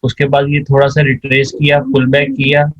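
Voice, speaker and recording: A man's voice: mid-range voice, completely flat delivery, moderate pace, highs cut off. Hesitant male student on a call. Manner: hesitant answers with fillers, polite agreement. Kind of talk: live online class.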